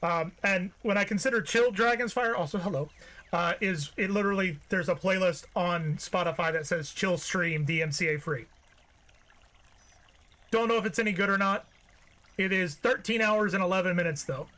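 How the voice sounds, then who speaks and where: A man's voice: high voice, moderate pace, bright, forceful tone. A man streaming a farming game, chatting casually with his viewers while he plays. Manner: chatty, talks to the live chat. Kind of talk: casual gameplay commentary.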